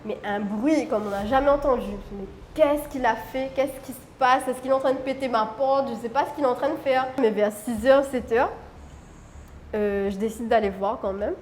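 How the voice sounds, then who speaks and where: A woman from Réunion, a guest, telling a personal story in an expressive, dramatic way. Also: fairly high pitch, brisk, slight background noise. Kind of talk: animated storytelling. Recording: roomy room with faint music.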